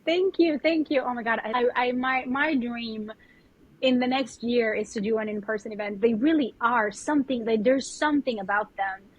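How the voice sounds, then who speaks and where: This spiritual mentor speaks Spanish-accented English from Colombia, her voice on the high side, breathy, at a moderate pace. She shares her path earnestly in a podcast chat, circling back over phrases as she finds her words, captured on muffled lo-fi audio.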